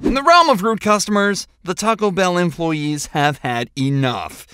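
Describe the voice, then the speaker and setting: Man, scripted voice-over narration, punchy and dramatic, high pitch, bright tone. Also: expressive, moderate pace, a little hiss or hum. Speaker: narrator of clip compilation.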